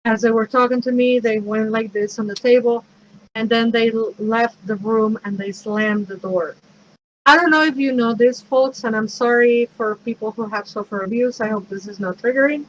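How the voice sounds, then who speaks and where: A woman's voice: a little high, steady tone, moderate pace, dull audio. A woman priestess and minister giving a frank, conversational workshop talk, advising listeners with self-deprecating asides.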